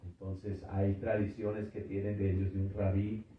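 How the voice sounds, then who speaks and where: A man's voice: sits low, completely flat delivery, moderate pace, a little hiss or hum. Middle-aged man teaching in an echoey hall. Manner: patient, repeats and checks with "ok?". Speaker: seminar teacher. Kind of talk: church seminar teaching. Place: church hall with audience. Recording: echoey hall from far off, dull.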